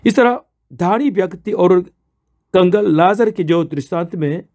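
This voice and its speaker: A man preaching a sermon with a fairly high voice and a dark, mellow tone. He is earnest and explains as he goes, often asking a question and then answering it himself.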